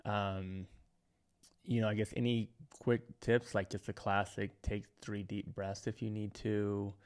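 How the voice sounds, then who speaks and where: A man co-hosting a parenting podcast, easygoing and joking, quick to affirm the other host. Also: lowish voice, little pitch movement, a little mellow, clear, resonant tone. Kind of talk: casual podcast conversation.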